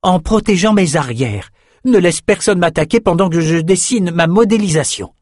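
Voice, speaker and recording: A man reading an audiobook, voicing a confident female sorceress in a brisk, insistent, raised voice. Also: sits high, expressive, no echo, studio quality, voice pushed up. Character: bold young-sounding female sorceress, confident. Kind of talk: audiobook character voice.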